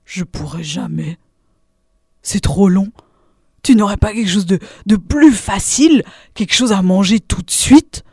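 A woman's voice: medium pitch, expressive, normal speed, darkish tone, dry recording, clean studio sound, natural voice. A woman voicing a naive, impatient male wolf who keeps interrupting. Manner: whiny, eager interruptions.

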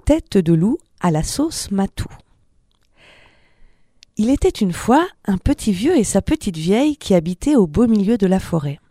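A woman reading a fairy tale aloud in a gentle storytelling manner. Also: medium pitch, sing-song, a little slow, dry recording, studio quality.

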